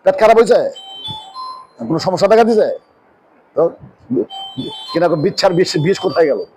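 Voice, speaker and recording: A man preaching a sermon in a mosque. He asks rhetorical questions and answers them himself, and drops his voice low on key words. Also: lively intonation, moderate pace, darkish tone, faint music behind, low-quality recording. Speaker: Islamic preacher.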